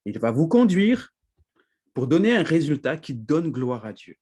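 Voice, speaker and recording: Husky man teaching with animated emphasis. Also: fairly high pitch, a little slow. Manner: animated, laughs often, repeats "d'accord?" to check in. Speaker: preacher. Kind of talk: teaching sermon.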